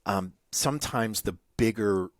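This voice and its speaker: A man with a New England accent and a very low voice talks through ideas on a podcast. His delivery is thoughtful and rambling, with ums and "right?" tags, recorded dry and close. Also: a little slow, no room sound. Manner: thoughtful, rambling, with many ums and tag questions. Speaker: podcast co-host. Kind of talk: casual podcast chat.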